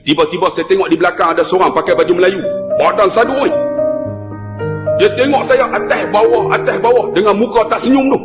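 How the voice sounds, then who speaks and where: A man preaches, and his voice sits high. He tells the story dramatically and acts out the voices. Loud music plays under his voice. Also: steady tone, a little fast, long reverb tail. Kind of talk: storytelling sermon.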